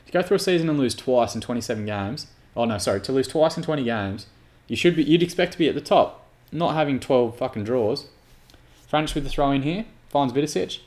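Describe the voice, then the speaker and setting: A man's voice: mid-range voice, animated, a little fast, a little mellow. A man commentating his own football manager game, prone to sweary, exasperated outbursts. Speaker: gaming YouTuber.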